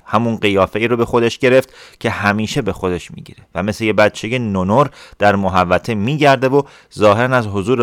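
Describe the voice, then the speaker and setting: A man reading a translated novel aloud in calm, measured storytelling narration. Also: lowish voice, no echo, studio quality. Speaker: audiobook reader.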